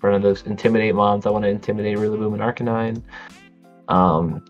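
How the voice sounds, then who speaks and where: A man co-hosting a casual podcast, talking in a relaxed way with many ums and easy laughs. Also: fairly low pitch, fairly quick, lo-fi sound, faint music behind. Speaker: podcast co-host. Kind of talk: casual chat.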